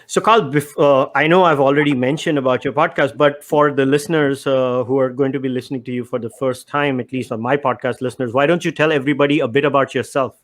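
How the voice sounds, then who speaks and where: Male podcast host, mid-pitched, talks through ideas methodically in casual interview. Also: steady tone, quick pace, hardly any pauses. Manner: explanatory, lays out ideas step by step.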